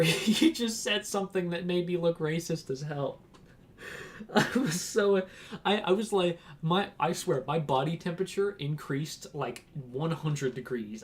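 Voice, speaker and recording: A young adult vlogger from Washington, United States, tells a casual, rambling story, laughing and acting out quotes along the way. His voice is fairly high-pitched and a bit bright.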